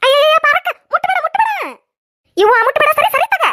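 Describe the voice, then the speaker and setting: A woman voicing an excitable gossiping village woman with a North Karnataka Kannada accent, in a cartoon. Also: high-pitched, quick pace, no echo, clean studio sound.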